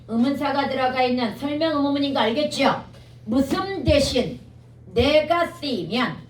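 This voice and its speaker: High-voiced woman teaching grammar. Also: roomy sound, distant mic, low-quality recording. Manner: brisk, quizzing students with rhetorical questions. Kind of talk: exam-prep lecture.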